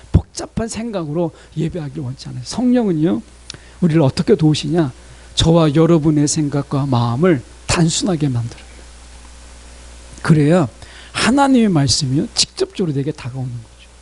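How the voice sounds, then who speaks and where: A man preaching a sermon as pastor, talking straight to his congregation in an animated way. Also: fairly high pitch, slightly rough.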